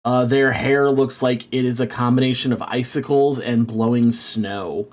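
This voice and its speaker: A man's voice: mid-range voice, moderate pace. Rambling male game master. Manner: rambling, filler-heavy, excitable. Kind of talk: narrating a tabletop game.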